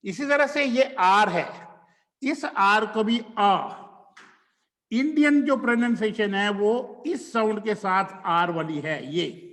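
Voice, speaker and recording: Slow man teaching sounds. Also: high-pitched, a bit bright, big-room sound. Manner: slow and explanatory, stretching out English example words. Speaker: English pronunciation teacher. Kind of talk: classroom lecture.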